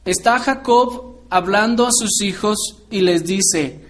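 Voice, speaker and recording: A man with a high, light voice delivers a sermon-style Bible lesson. He talks at an unhurried pace, laying out each point carefully and turning to his listeners with rhetorical questions. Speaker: preacher teaching the Bible.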